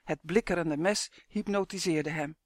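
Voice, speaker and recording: A narrator reading a children's fantasy story aloud in a steady, expressive manner. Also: mid-range voice, moderate pace, no echo, clean studio sound.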